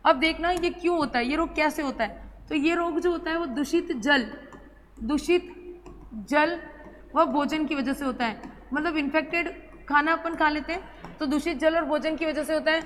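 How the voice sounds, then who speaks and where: A woman with a high, somewhat bright voice speaks at a normal speed while teaching a biology class at the board. She repeats key terms, quizzes her students, and fondly calls them child. The recording has hall reverb and faint ambient noise.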